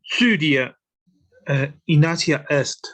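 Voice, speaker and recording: A male student with a husky voice, reading lines and answering questions in a slow, hesitant way. He sounds a little unsure at times, pausing before his answers. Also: a little high, a bit bright.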